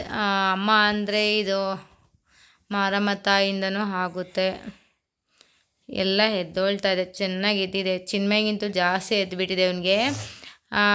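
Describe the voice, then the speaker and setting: A woman's voice: medium pitch, sharp tone, clear, resonant tone. A woman filming a casual home vlog as a mother, soothing and coaxing her sick child and repeating herself. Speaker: mother and family vlogger.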